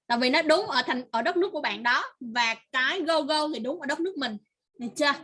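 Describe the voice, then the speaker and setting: A woman's voice: sits high, lively intonation, quick pace, sharp tone. A woman teaching English to a child online, patiently repeating words and praising answers.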